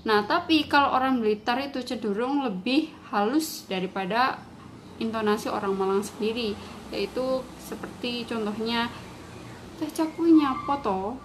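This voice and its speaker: A woman's voice: on the high side, slight background noise. A young woman from East Java, giving a recorded class presentation and explaining each point step by step. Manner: explanatory, acts out dialect examples. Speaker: student presenter.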